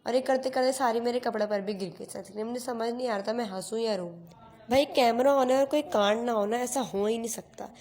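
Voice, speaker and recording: Teenage girl, chatty, self-mocking, slightly high voice, get-ready-with-me vlog, phone recording at home. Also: fairly quick, a little mellow. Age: teens. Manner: chatty, self-mocking, mixes English phrases into Hindi. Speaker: vlogger. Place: bedroom at home. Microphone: phone camera.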